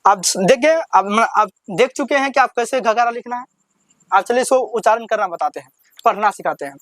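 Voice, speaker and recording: Man, high voice, alphabet lesson, patient, repetitive, dry sound. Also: brisk, fairly bright tone, dry recording. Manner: patient, repetitive, drawing out each syllable when reciting. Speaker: teacher.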